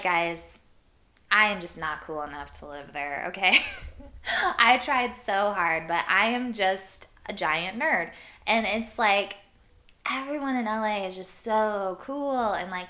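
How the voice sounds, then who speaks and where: Hyper, bright-voiced woman podcaster. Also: mid-range voice, unhurried. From Iowa. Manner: hyper and animated, swears casually. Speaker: podcast host. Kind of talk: casual storytelling monologue.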